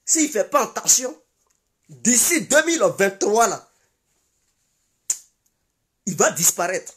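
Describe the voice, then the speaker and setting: Ivorian woman, political commentator, high voice with wide swings, emphatic and repetitive. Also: sing-song, takes it slowly, fairly bright tone. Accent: Ivorian French. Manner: emphatic, repeats insistent declarations. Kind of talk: impassioned political commentary monologue.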